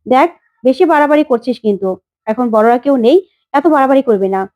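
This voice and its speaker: A woman's voice: high-pitched, fast, darkish tone, natural voice. Woman reading as a chiding aunt. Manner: chiding, placating. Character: calm aunt trying to hush a niece.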